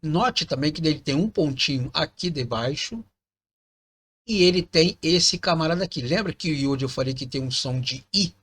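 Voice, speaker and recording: A man's voice: fairly high pitch, animated, moderate pace, a bit bright. A man giving a patient lesson on Hebrew vowel points, repeating words and checking in with the listener. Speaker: teacher of biblical Hebrew. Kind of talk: explanatory lesson pointing at text.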